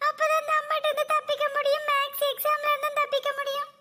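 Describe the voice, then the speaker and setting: A woman voicing a little schoolgirl in a comedy cartoon who schemes to skip school, pleading and whining in a drawn-out way. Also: extremely high pitch, monotone, bright, forceful tone, a little hiss or hum. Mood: scheming.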